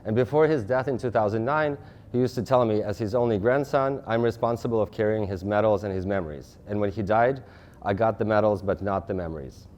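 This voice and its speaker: Fast-talking Russian-born man lecturing. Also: on the low side, a little mellow, dull audio. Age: 30s. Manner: fast-talking with frequent restarts and fillers. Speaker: guest speaker. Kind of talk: lecture presentation.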